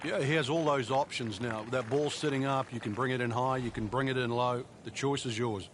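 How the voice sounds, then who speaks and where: A man's voice: mid-range voice, brisk, fairly bright tone, close to an everyday voice. Man as conversational golf analyst, faint outdoor noise. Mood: conversational analysis. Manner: conversational, explanatory. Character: conversational male golf analyst in a video game. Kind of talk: golf commentator colour commentary. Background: faint outdoor ambience.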